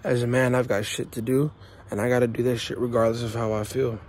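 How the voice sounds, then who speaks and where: A man's voice: medium pitch, flat delivery, fast talker, a little mellow, a little hiss or hum. A young man talking to his camera while running outdoors, out of breath, blunt and swearing, pushing himself along. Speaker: vlogger. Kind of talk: casual running vlog. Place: outdoors on a neighborhood street at dawn.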